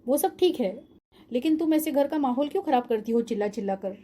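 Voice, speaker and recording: A woman's voice: high-pitched, lively intonation, fast talker, mellow, slight background noise. A woman voicing a grown son and husband in a cartoon-style family drama, reasoning and reproachful with his wife.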